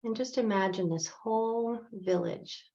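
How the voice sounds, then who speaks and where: A woman coach gently leading a guided visualization story, now and then acting out the characters' lines. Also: fairly high pitch, unhurried, dull audio. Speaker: coach trainer.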